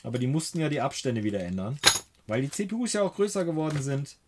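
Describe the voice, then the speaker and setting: A man's voice: mid-range voice, animated, quick pace, heavy background noise. A man chatting casually on a livestream while tinkering with PC hardware, joking around, reading out and thanking viewers' chat messages, and mixing in English phrases.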